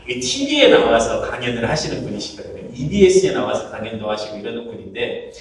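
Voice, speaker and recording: A male pastor preaching a sermon and telling stories, now and then acting out the rough words he quotes. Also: mid-range voice, slight background noise. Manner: storytelling, quotes people's curses in acted asides. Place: church sanctuary. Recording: echoey church hall, mic at a distance.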